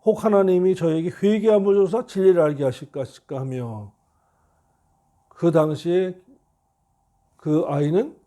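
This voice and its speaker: A middle-aged male pastor preaching a sermon, telling a story and reading scripture slowly and earnestly. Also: high voice, dark tone.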